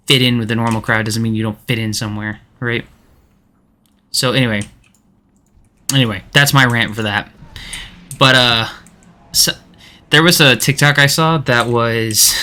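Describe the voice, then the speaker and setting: A man's voice: mid-range voice, sharp tone. A man streaming a game, chatting casually and rambling with lots of restarts and fillers. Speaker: gaming streamer. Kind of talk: casual chat while playing.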